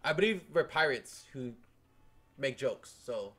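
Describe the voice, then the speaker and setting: A man's voice: mid-range voice, animated, a little slow, crowd noise. A man hosting a casual game stream, teasing his friends and swearing freely. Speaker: stream host. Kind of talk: casual gaming stream chat.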